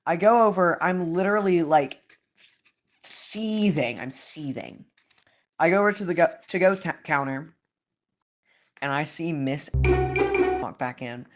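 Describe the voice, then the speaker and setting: A woman's voice: lowish voice, very animated, a little slow, pauses often. Exasperated, swearing woman telling a story. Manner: profane, exasperated, lots of "like" and "literally". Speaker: storyteller recounting a restaurant shift. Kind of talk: casual storytime.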